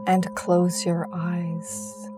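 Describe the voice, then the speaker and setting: A woman guiding a meditation, giving gentle, soothing instructions with long pauses. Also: on the low side, completely flat delivery. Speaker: meditation guide. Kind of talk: guided meditation. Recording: music bed underneath. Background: singing bowl and music.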